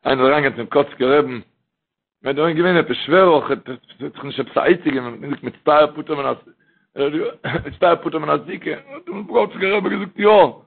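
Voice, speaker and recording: Gravelly man preaching over a tinny line. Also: fairly high pitch, normal speed. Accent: Yiddish. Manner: rambling, repetitive, addresses the listener with "verstehst du". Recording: tinny phone-like recording.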